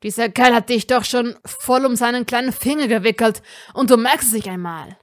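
A woman's voice: a little high, normal speed, natural voice. A woman voicing a brash young man who scolds and sneers. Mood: angry. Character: hot-headed young man, scornful and brash.

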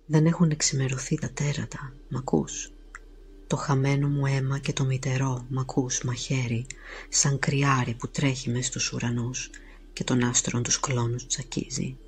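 A woman giving a slow, hushed, intimate poetry reading that drifts into whispers. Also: extremely low pitch, flat delivery, slight background noise. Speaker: poetry reader.

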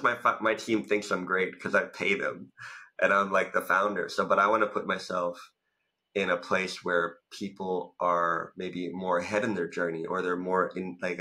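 A Thai guest in his thirties, a founder and business coach, tells stories about his business path in a casual interview, using "like" as a frequent filler. His pitch is low and his delivery pushed and bright. He is speaking from a room at home over a video call, with a studio microphone set in front of him.

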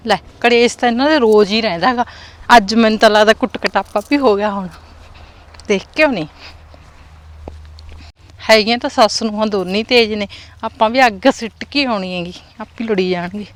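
A woman's voice: mid-range voice, fairly quick, long pauses, natural voice. A woman playing a gossipy neighbour who comes round to stir up a family quarrel. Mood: gossiping. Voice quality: gossipy, meddling. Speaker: nosy neighbour. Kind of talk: village comedy drama.

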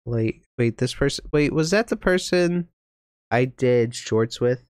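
A man's voice: mid-range voice, expressive, measured pace, darkish tone, clear, resonant tone, no room sound, clean studio sound. A young man streaming a game, chatting casually, flustered and rambling with lots of ums and restarts. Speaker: gaming streamer. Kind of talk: casual live-stream chat.

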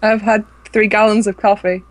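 A woman's voice: mid-range voice, little pitch movement, normal speed, no room sound, rough recording. A woman guest on a gaming podcast, playful and teasing in casual banter.

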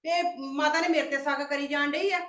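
Actress as a shrill, scheming sister-in-law in a family drama, taunting and accusing. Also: female voice, fairly even intonation, a little fast, sharp tone. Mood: indignant. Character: scheming sharp-tongued woman, sister-in-law of the household. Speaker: actor in a family web drama.

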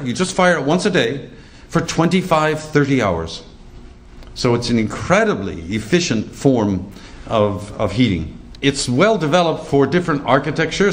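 Older man giving an animated lecture. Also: medium pitch. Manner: animated, emphatic explainer who slows down to stress points. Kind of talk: lecture with slides.

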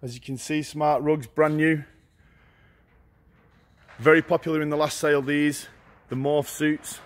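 Brisk man touring a warehouse. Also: a little high, level tone. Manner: brisk, listing items in short phrases. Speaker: auctioneer giving a viewing tour. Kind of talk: walking tour commentary. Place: large indoor warehouse with shelving.

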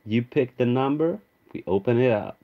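The audio is narrow and tinny, carrying an expressive, medium-pitched man's voice at normal speed. He's a card-opening streamer from Sweden whose Swedish accent has an American tinge, chatting casually with live viewers, greeting them and naming cards as he opens them in an indoor room with a card display.

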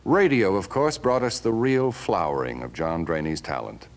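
A man announcing a scripted broadcast introduction in a formal, measured way. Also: low-pitched.

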